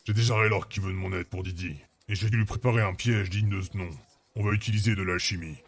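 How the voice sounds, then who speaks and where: A man voicing a gruff, terse, beast-like hunter in a fantasy audio story, curt and stern. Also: on the low side, fairly even intonation, fast talker, pitched below the performer's own voice, close to an everyday voice. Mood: weary, matter-of-fact.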